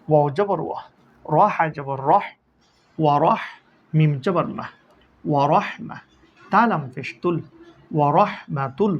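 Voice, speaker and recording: Slow, patient man spelling out recitation. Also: on the high side, slightly rough, highs cut off. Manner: slow, drawn-out syllable-by-syllable recitation. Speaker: Quran teacher. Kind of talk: recitation lesson, spelling out letters.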